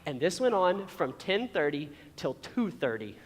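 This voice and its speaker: A man with a notably high voice gives a relaxed, story-driven youth sermon. He is chatty and animated, laughs easily, and keeps tossing "okay?" to the room. His voice rings out with a long reverb tail, as if in a big church hall. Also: measured pace, background noise. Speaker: youth pastor.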